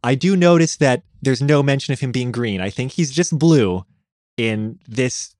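A man's voice: mid-range voice, unhurried, a little mellow, no echo, clean studio sound. A man co-hosting a podcast, riffing sarcastically and sounding exasperated in a casual chat. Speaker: podcast co-host.

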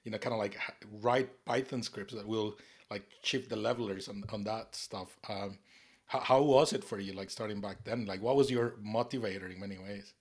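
A man's voice: on the low side, fairly even intonation, moderate pace. A man hosting a podcast, enthusiastic and rambling, with many fillers. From Costa Rica. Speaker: podcast host.

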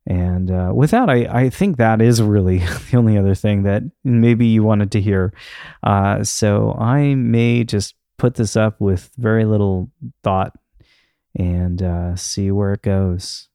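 A man talks off the cuff as a solo podcast host, in a lowish voice with a gravelly fry. He rambles casually and hesitates as he thinks aloud. The sound is close and dry. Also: a little slow, dark tone, no echo. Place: untreated room in his house.

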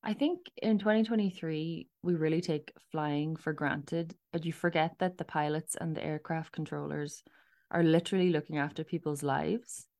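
A woman's voice: deep voice, steady tone, normal speed, a little mellow. A woman with an Irish accent, co-hosting a podcast in casual chat, often laughing. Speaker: podcast co-host.

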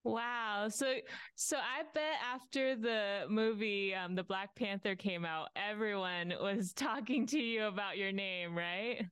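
Smooth, clear woman podcast host. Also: medium pitch, unhurried, a bit bright. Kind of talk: conversational podcast hosting.

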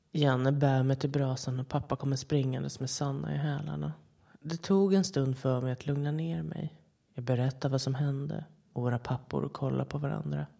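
A podcast storyteller reading a first-person horror story in a calm, measured way. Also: mid-range voice, vocal fry. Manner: calm, measured storytelling with short quoted voices. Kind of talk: scripted horror narration.

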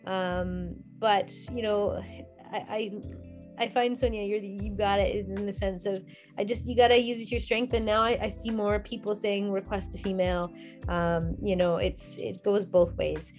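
A woman dentist speaking as a panel guest, reflective and halting, often pausing with fillers. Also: medium pitch, fairly even intonation, darkish tone, soft background music. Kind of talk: casual panel chat.

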